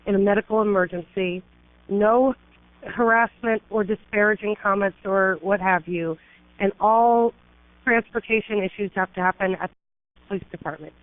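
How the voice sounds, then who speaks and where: Her voice is medium-pitched with fairly even intonation and a normal speed as this middle-aged female attorney calls an emergency line. She pleads urgently, building up emphatic lists of complaints, and the tinny telephone audio has no echo.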